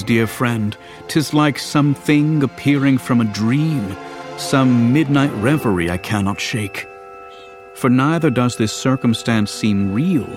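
An actor playing an earnest, exasperated young hero in Shakespearean verse, declaimed like a hammy stage performer. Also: male voice, mid-range voice, a little mellow. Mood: wondering, uneasy. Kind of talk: dramatic Shakespearean verse reading.

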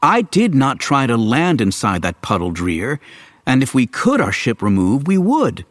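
A man's voice: medium pitch, wildly swooping pitch, unhurried, no echo. Man playing a hammy, sweeping Shakespearean young hero. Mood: exasperated. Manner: hammy theatrical stage declaiming. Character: earnest, exasperated young hero stranded in a swamp, Shakespearean. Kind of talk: dramatic Shakespearean verse reading.

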